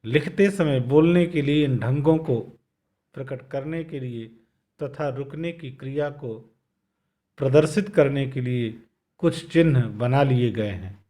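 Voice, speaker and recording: A male school teacher takes his time through a recorded grammar lesson. He speaks very slowly, with a voice of middling pitch, and he repeats key phrases so they sink in. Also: mellow. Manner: slow, deliberate explaining with repeated phrases. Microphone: video lesson recording.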